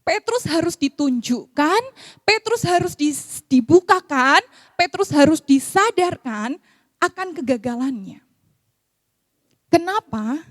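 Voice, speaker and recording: High-voiced woman preaching. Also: slow pace, pauses often, dry recording, studio quality. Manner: lively, acts out quoted voices. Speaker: preacher and counselor. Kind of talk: sermon. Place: church.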